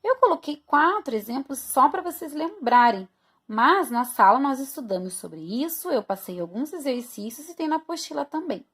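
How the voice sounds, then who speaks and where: A woman's voice: high-pitched, very animated, moderate pace, a bit bright. A woman teacher from Brazil, recording a review lesson for her students and explaining each point step by step while checking in with them often.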